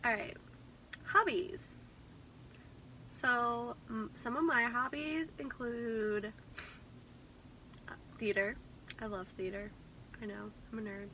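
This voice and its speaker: A woman's voice: on the high side, steady tone, takes it slowly, long pauses, sharp tone, slight background noise, poor audio. A young woman co-hosting a casual vlog, upbeat and reading out questions. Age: young adult. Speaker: co-host. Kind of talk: casual chat.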